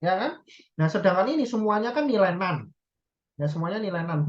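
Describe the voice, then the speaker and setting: Woman lecturing, dull lo-fi recording. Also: mid-range voice. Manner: explains step by step, often checks "ya" and self-corrects.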